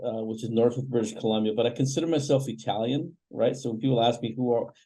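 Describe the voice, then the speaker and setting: A Canadian man who works as a family wealth coach answers interview questions reflectively and with measure, using many fillers. His voice is medium-pitched and warm.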